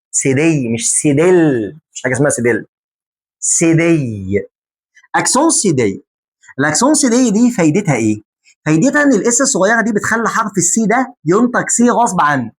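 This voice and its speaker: A man with an Egyptian Arabic accent teaching a French lesson in a lively, joking way, repeating words slowly to drill them. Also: high voice, slightly rough.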